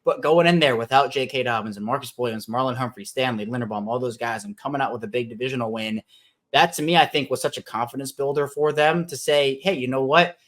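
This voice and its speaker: A man's voice: mid-range voice, fast talker, fairly bright tone. A man hosting a sports podcast, chatting casually about football and thinking aloud with frequent restarts. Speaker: podcast host. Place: Baltimore.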